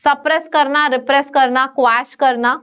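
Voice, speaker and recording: A woman with an Indian accent teaching an online exam-prep vocabulary lesson, brisk and coaxing, switching between Hindi and English. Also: high voice, steady tone, a bit bright, highs cut off.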